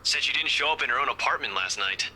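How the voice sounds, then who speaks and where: Worried young guy, earnest, serious, sharp bright voice, game role. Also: mid-range voice, animated, fast talker, a little hiss or hum, rough recording. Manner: serious, earnest, teasing at times. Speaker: game character. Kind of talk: game voice acting.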